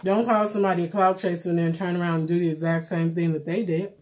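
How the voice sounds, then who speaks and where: A middle-aged woman giving casual, plainspoken vlog commentary while eating, pausing for bites and repeating phrases for emphasis. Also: fairly low pitch, fairly even intonation, darkish tone. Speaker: vlogger. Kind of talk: casual mukbang commentary chat.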